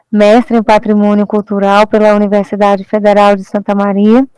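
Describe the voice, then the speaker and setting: A woman hosting a lecture, reading the guest's introduction in a measured, formal way. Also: medium pitch, a little mellow, clean tone, no room sound, poor audio. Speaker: host, moderator.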